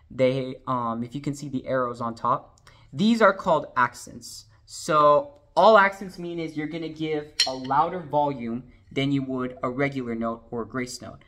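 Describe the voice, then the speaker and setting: A man's voice: mid-range voice, fairly bright tone. A man teaching drumline sheet music, explaining patiently and counting and singing the rhythms aloud. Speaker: drumline instructor.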